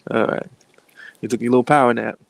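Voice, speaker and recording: A man's voice: medium pitch, fairly even intonation, fast, gravelly, dry recording, poor audio. Guy telling a wild story on his vlog, cussing and laughing, talks right to viewers, dry room. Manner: profane, laughing, addresses viewers directly. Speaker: vlogger. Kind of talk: casual storytelling to camera. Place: at home with his young son.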